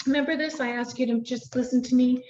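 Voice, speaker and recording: A woman leads a one-on-one phonics lesson with short, patient prompts. Her voice sits a little high. The recording is roomy and dull. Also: steady tone, fast, dark tone, slight background noise. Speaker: reading tutor.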